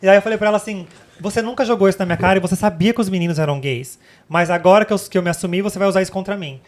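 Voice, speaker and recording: Brazilian woman podcast co-host, dramatic retelling, rapid delivery. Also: medium pitch. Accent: Brazilian Portuguese. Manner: animated, dramatic retelling, acts out quotes. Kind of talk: casual chat, personal storytelling.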